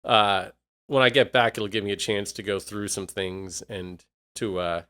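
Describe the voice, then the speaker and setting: A man with a fairly low voice, his voice a little worn and tired. He talks alone in a loose, reflective ramble, full of restarts and fillers. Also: fairly even intonation, a little slow, sharp tone. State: voice a bit worn. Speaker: podcast host. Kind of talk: casual solo monologue.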